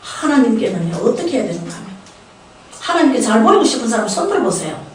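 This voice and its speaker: Speaking fast with big pitch swings, an older woman with a slightly high, a little mellow voice and a Gyeongsang Korean accent delivers a humorous storytelling sermon as a prayer house director. She chats with and quizzes the church sanctuary congregation, captured on a distant mic in an echoey hall with poor quality.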